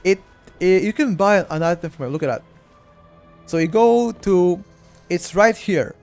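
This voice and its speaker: A man's voice: high voice, expressive, unhurried, a little mellow, clear, resonant tone, faint music behind. A man with a Bulgarian accent, talking through a game walkthrough on a live stream and speaking straight to his chat, often repeating himself. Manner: chatty, addresses chat directly, repeats himself.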